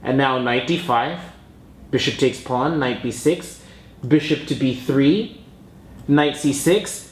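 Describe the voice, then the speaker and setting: A man giving explanatory chess commentary as an instructor, talking through moves in a measured, informal teaching manner. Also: medium pitch, echoey room.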